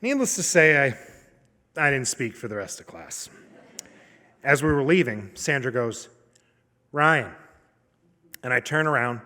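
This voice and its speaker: A man in his thirties telling a personal story on stage, casual and self-deprecating with dramatic pauses. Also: medium pitch, very animated, bright, forceful tone. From Maine. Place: opera house stage. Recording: long hall reverb.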